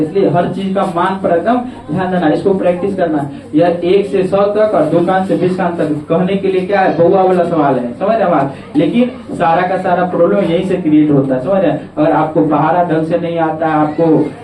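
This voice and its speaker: A man's voice: high-pitched, dark tone. A male teacher, giving a classroom math lesson and often checking that students understand. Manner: coaxing, repeats checks on understanding. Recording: echoey classroom from far off.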